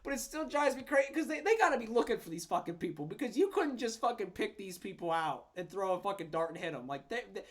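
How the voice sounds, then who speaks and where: High-voiced young man rambling casually. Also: big pitch swings, quick pace, few pauses. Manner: rambling, full of "like" and restarts; swears freely. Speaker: podcast co-host. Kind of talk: casual chat.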